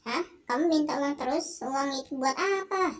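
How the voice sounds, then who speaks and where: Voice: high voice, normal speed, fairly bright tone. A young gamer reading out the lines of a stern father in a video game, scolding his daughter. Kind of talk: game dialogue read aloud.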